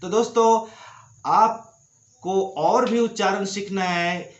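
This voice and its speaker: A man teaching English pronunciation, explaining rules slowly and repeating each example word twice. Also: high voice, steady tone. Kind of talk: slow classroom-style explanation with drilled word repetition. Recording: echoey room, slightly dull lo-fi sound.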